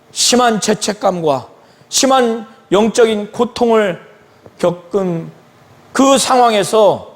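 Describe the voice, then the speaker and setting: A male pastor preaching a sermon in a church, retelling a Bible story slowly and acting out the quoted lines. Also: high-pitched.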